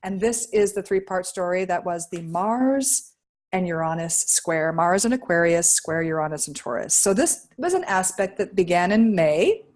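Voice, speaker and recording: A woman's voice: on the low side, lively intonation, moderate pace, darkish tone. Rambling, laughing woman astrologer. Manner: rambling, searching for words, laughs often. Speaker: astrologer guest. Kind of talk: casual podcast chat.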